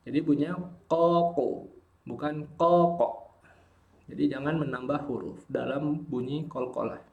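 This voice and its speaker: A man's voice: a little high, steady tone, measured pace, phone-quality sound. A man teaching Quran pronunciation, patiently modelling syllables again and again. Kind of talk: pronunciation lesson.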